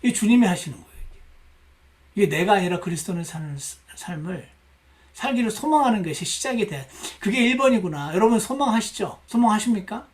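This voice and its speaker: 여성 양육반에서 성경을 가르치는 남자 목사로, 질문을 던지고 인용된 말을 연기하듯 들려준다. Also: male voice, high voice, fairly quick. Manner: animated, rhetorical questions, acts out quoted lines. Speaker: pastor teaching a women's Bible class. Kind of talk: Bible class teaching. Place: church classroom.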